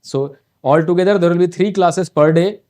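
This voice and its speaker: A man from North India with a North Indian English accent, giving an exam coaching lecture in a halting way, with many fillers and restarts. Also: high-pitched, darkish tone. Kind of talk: online exam prep lecture.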